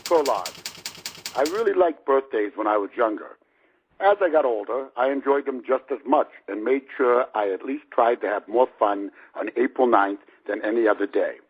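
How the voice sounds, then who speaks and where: With a lowish, animated voice and a breathy edge, a man in his fifties reads his personal prologue at a moderate pace in a wry, talky manner. The audiobook recording is muffled and lo-fi, like radio sound.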